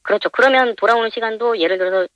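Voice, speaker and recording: A man with an electronically disguised voice politely and haltingly explains things as an anonymous interviewee. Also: dry recording. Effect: voice disguised by pitch-shifting for anonymity. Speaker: minibus driver interviewed anonymously. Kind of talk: plain interview answers. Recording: dull, band-limited phone interview audio.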